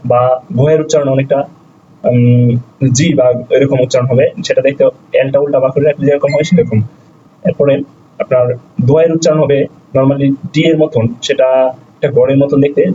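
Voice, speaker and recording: A man teaching a beginner's language lesson step by step, slowly spelling out letters and repeating each sound several times. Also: medium pitch, mellow, highs cut off, a little hiss or hum.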